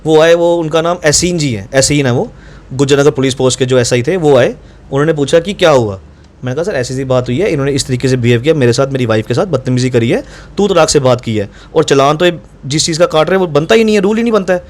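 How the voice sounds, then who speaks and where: Brief: young adult man, rapid and insistent account, voice on the higher side, reenacts the argument. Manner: fast, insistent, reenacts dialogue. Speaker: doctor recounting incident to reporter. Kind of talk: animated first-person account.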